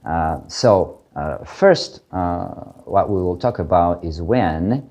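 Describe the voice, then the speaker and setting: A Ukrainian man whose first language is Russian teaches a casual video lesson as a language teacher. His voice is low, mellow and expressive, and he speaks slowly and hesitantly, with many fillers and restarts.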